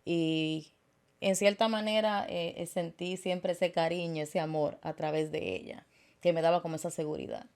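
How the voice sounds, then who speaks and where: A woman, a guest telling her story in an interview in an earnest, halting way with many fillers. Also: on the low side, fairly even intonation, a little mellow, smooth. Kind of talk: personal testimony in interview.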